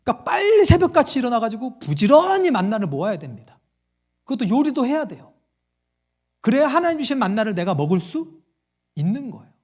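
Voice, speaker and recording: A man speaks in a very high-pitched, sing-song voice that is brisk and a little mellow. He is a pastor preaching to his congregation, quizzing them with questions and acting out the quoted voices in his stories.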